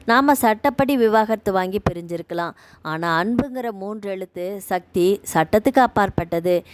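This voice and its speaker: A woman voicing a kindly retired man who runs a care home; he talks gently and reassuringly. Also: medium pitch, normal speed, no room sound, natural voice. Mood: tender.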